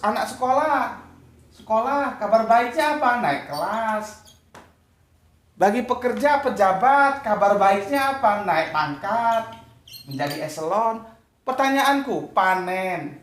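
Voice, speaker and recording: A man giving an informal religious talk, blunt and combative, with big swings up and down in pitch. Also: a bit bright. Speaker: preacher and debater.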